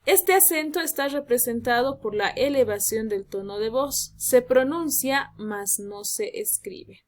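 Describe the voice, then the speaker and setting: A woman teacher giving a lesson, speaking slowly and emphatically and drawing out her example words. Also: fairly high pitch. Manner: addresses students as "jóvenes". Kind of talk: classroom lesson.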